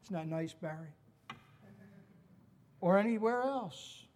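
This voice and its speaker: A middle-aged male pastor delivering a sermon in an earnest, emphatic way. His voice sits somewhat high for a man, and he drives points home by repeating them. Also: slow pace, a little mellow, big-room sound, a little hiss or hum. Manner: earnest preaching with emphatic repetition.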